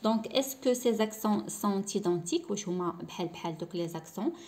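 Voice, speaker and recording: A woman's voice: mid-range voice, lively intonation, warm tone. Woman teacher with Moroccan Arabic speech. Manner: slow, repeats words to model pronunciation. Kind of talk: school lesson explaining French accents.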